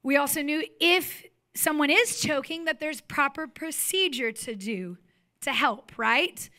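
A woman's voice: sits high, a little slow, pushed and bright. A woman pastor preaching a sermon in a church, telling a story expressively and acting out the scenes. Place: church sanctuary.

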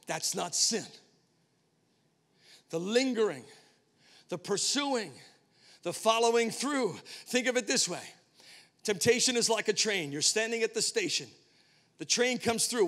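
A male pastor preaching a sermon, telling a personal story with dramatic swings between hushed and emphatic delivery. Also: sits high, big-room sound. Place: church sanctuary.

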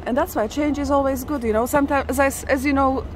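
This vlogger's voice is high-pitched and steady, and she talks at a quick pace while giving casual, emphatic live narration on a walking tour. A crowd can be heard behind her on the busy city street, along with traffic and passing vehicles.

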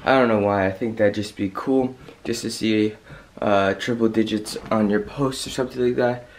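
A young man vlogs from his small bedroom at home, holding the camera at arm's length and chatting casually. He rambles and hesitates, peppering his speech with "like," and sounds slightly under the weather with a cold. His lowish voice has fairly even intonation at a moderate pace, with a little hiss or hum.

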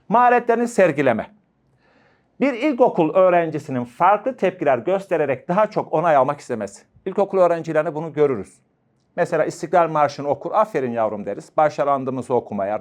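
A man teaching an exam-prep lecture, asking and answering his own questions with jokey asides. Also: fairly high pitch.

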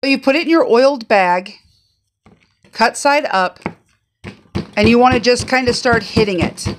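A woman's voice: on the high side, normal speed, background noise. A middle-aged woman from the American Midwest, a retired professional chef chatting through a home cooking video into a phone held close in her kitchen. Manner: chatty, animated, instructive.

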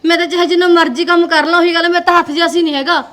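A woman playing a fast-talking, complaining young daughter-in-law. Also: very high-pitched, steady tone, a bit bright. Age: young adult. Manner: complaining, argumentative.

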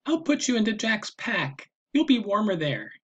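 A man voicing a cheerful, curious little girl in a storybook reading, bright and quick to feel for others. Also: high voice, sing-song, breathy edge, dull audio, pitched above the performer's own voice, full character voice. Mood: eager. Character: cheerful eager little girl, chattering with cold.

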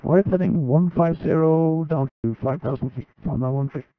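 A man speaking as a pilot, reading back air traffic control instructions over the radio in halting procedural phrases. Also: a little high, dry recording. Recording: dull lo-fi radio audio.

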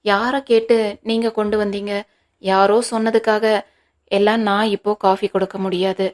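A woman's voice: mid-range voice, little pitch movement, normal speed, darkish tone, natural voice. A woman reading the part of an angry, stubborn young wife in a storybook, speaking sharply and indignantly.

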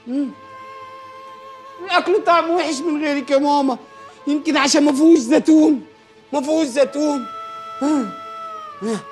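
An actor with an Egyptian accent playing a childish grown son, whiny and mocking, in an exaggerated, wailing comedy style. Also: male voice, very high voice, a little fast, long pauses, over music. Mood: whiny pleading. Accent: Egyptian Arabic. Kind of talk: Egyptian film comedy acting.

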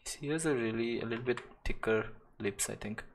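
With a medium-pitched voice and a brisk pace, a man streams his digital painting and chats casually over a slight hiss or hum. He wanders between topics, interrupts himself, laughs and swears frequently, and sometimes sinks into quiet mumbling while he works.

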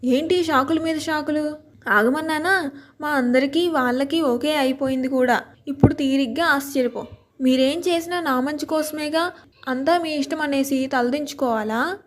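A woman reading a story aloud in the first person, lively and expressive. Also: high voice, normal speed, slight background noise.

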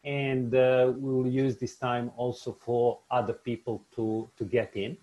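Serbian accented guy in his 40s doing a webinar on a webcam from a home office, slow and halting, lots of uhs. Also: mid-range voice, level tone, warm tone, muffled recording. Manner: unhurried, with many filler sounds and restarts. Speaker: doctor giving a webinar lecture. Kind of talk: online lecture to colleagues. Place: small home office with shelves. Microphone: video call, webcam.

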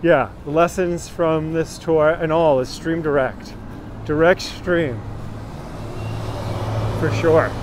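Here the tour guide, a man in his thirties, speaks in a slightly high voice with fairly even intonation, taking his time and pausing often. Walking outdoors on a city street, he live-streams the tour from a phone at arm's length, greeting viewers by name over the traffic noise.

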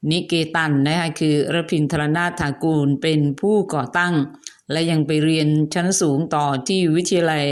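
A woman with a slightly low voice narrates a history episode. She talks in a relaxed, chatty way, breaking off for friendly asides and polite particles. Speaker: host.

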